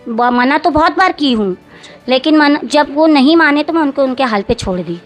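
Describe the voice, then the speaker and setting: A woman's voice: high voice, expressive, normal speed, faint music behind. A woman, recounting events at length in an interview, often repeating herself and quoting others word for word. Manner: long, rambling, repeats herself, quotes others directly.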